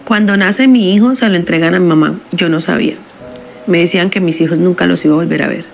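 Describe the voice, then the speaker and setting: A woman telling a first-person story in a somber, measured confessional way. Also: lowish voice, vocal fry, faint music behind.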